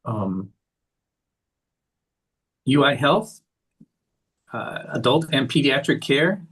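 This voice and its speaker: A man with a husky, slightly rough voice gives closing remarks on a video call. He moves briskly through resources and announcements like an announcer. His pitch sits in a middle range. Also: lively intonation, a bit bright, low-quality recording. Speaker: summit organizer closing the session.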